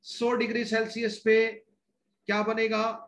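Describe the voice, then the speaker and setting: A man's voice: sits high, completely flat delivery, measured pace, a bit bright, reverberant. A man teaching a chemistry lecture, explaining step by step and firing off rhetorical questions to his students. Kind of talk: classroom lecture in Hinglish.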